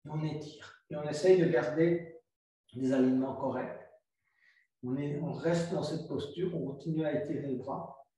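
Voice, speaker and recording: A man guiding a yoga flow class, calm and instructive, repeating his cues slowly. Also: fairly high pitch. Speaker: yoga teacher. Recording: very echoey room, voice far from mic.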